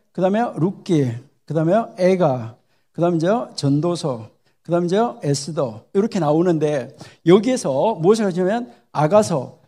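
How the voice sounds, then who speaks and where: Guy with a high voice teaching bible stuff at a church, keeps asking the crowd questions. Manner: poses rhetorical questions to the audience; acts out short dialogues in the talk. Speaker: Bible lecturer. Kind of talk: church conference lecture. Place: church hall.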